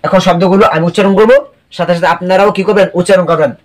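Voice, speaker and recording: A man with a high voice leads a recitation lesson in a patient, drilling way. He asks a question, answers it himself, then repeats the word slowly. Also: steady tone. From Bangladesh. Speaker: Quran reading teacher.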